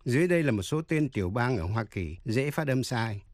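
A man's voice: medium pitch, expressive, fairly quick, no echo, clean studio sound, soft background music. A man teaching an English lesson on the radio, explaining pronunciation carefully and spelling words out letter by letter.

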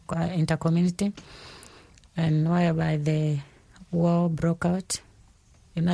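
Woman in her twenties, from South Sudan, interview answers, flat dark tone, hesitant. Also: on the low side, vocal fry, no echo. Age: 20s. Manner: hesitant, searching for words. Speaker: athlete interviewee.

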